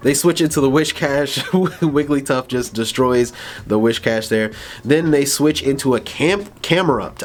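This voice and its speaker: Laid-back young man commentating gameplay. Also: medium pitch. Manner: rambling, laid-back, laughs and stumbles over words. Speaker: gaming YouTuber.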